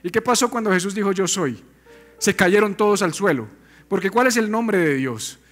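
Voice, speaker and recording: A male pastor preaching a sermon in an animated, conversational way, full of rhetorical questions. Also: high voice, fairly quick, faint music behind.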